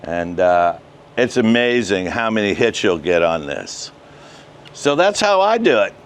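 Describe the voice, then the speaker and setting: An older man who hosts a ham radio vlog talks to the camera in a relaxed, step-by-step way, standing in a suburban backyard near a patio and shed. His voice is on the low side with wide pitch swings and an unhurried pace, picked up by a wireless lapel mic clipped to his shirt, with a slight hiss or hum.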